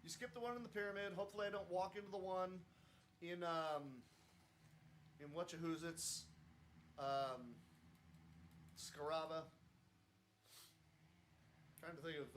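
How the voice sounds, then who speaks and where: A man's voice: sits high, fairly bright tone, a little hiss or hum. Rambling man streaming a speedrun. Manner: rambling, chuckling, self-deprecating. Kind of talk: casual live game commentary.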